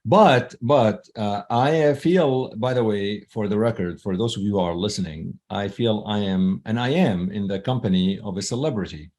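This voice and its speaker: A man hosting a podcast interview, enthusiastic and animated as he introduces his guest and asks questions. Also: fairly low pitch, normal speed, hardly any pauses. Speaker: podcast host.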